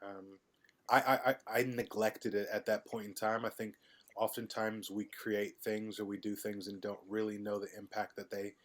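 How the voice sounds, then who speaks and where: A middle-aged man from the American Midwest, chatting as a podcast guest in a relaxed way, with frequent ums and hesitations. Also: fairly low pitch, moderate pace. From United States, Midwest. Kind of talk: casual interview conversation.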